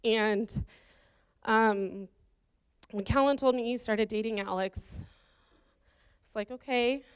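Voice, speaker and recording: Slowly and carefully, a woman toasts her brother's wedding and warmly welcomes his bride into the family. She speaks as the groom's sister in a smooth, fairly high voice with no room sound.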